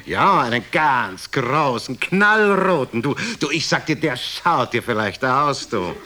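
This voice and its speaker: A man's voice: medium pitch, big pitch swings, unhurried, bright, forceful tone, a little hiss or hum, pitched above the performer's own voice. A man voicing a naive, dim-witted aristocratic count, drawling genteelly and stumbling over restarts. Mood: boastful. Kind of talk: comedy record joke telling.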